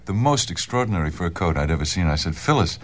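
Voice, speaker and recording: A man, a radio guest, telling a lively anecdote, heard as an old AM radio broadcast. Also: sits low, quick pace. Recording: noisy archival radio recording, mic at a distance.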